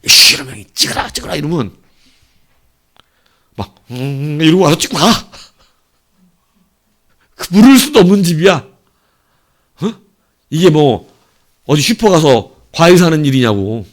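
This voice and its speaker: A man preaching a sermon as pastor, telling stories animatedly and swinging between hushed asides and loud, emphatic exclamations. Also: a little high, big pitch swings, takes it slowly, pauses often.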